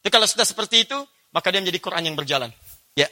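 A man preaching an Islamic study sermon, animated, quoting Arabic verses and putting questions to his listeners. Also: high voice, rapid-fire.

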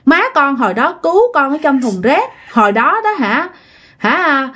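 A woman's voice: sits high, expressive, normal speed, a bit bright. The ghost of a devoted young man pleads with his adoptive mother in a raised, earnest voice, as a woman puts him on. He keeps repeating his promises in a Southern Vietnamese accent, like a figure in a spoken ghost story. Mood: pleading.

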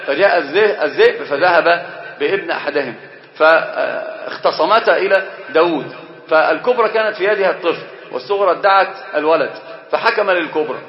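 Male sheikh, religious lecture, animated delivery, fast speech, echoey dull recording. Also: on the high side. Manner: animated, acts out quoted speech. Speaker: sheikh teaching a book. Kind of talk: Islamic lecture.

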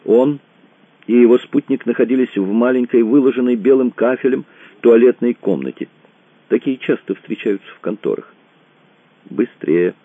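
A man narrating an audiobook in an expressive reading style, in a tinny, dry recording. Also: mid-range voice, normal speed, dry recording. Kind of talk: scripted narration. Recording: tinny phone-like dry sound.

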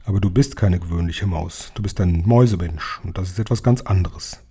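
A calm, loving grandmother in her eighties, read by a man. She speaks slowly and gently in a low, dark, husky voice. It is an audiobook reading for children. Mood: tender. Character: 86-year-old grandmother, calm, loving and wise.

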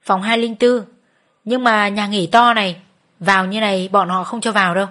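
A woman voicing a male brothel boss who speaks calmly and firmly. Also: medium pitch, moderate pace, close to an everyday voice. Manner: calm, firm.

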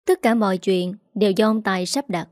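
A woman's voice: mid-range voice, brisk, darkish tone, no room sound, studio quality, natural voice. A woman reading the lines of a grave, generous young husband in an audio story. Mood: earnest.

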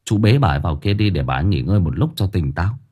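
A man's voice: deep voice, sing-song, rapid-fire, dark tone, breathy edge, full character voice. A man voicing a young man who speaks urgently.

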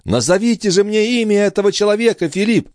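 A man reading an audiobook and voicing a distraught, indignant young noblewoman in an impassioned, pleading voice that rises toward shrill. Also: quick pace, a little mellow, no echo, clean studio sound, lightly acted. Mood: desperate. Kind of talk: audiobook character voice.

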